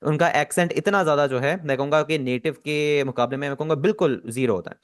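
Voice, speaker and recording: A man teaching an online Japanese class, explaining patiently and repeating words slowly. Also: on the high side, clean tone.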